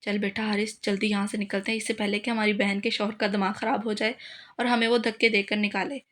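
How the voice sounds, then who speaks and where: A woman's voice: mid-range voice, level tone, fast talker, fairly bright tone, natural voice. A woman reading the lines of a playful young man who teases his family in a romance novel. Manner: mischievous, joking. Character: young man, playful teasing brother-in-law.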